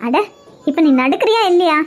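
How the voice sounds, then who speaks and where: A woman's voice: very high voice, expressive, normal speed, soft background music. A woman voicing an older aunt in a cartoon, a caring but scolding elder with a Kanyakumari Tamil accent. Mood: bossy, caring. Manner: bossy, coaxing, scolding. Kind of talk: cartoon web series voice acting.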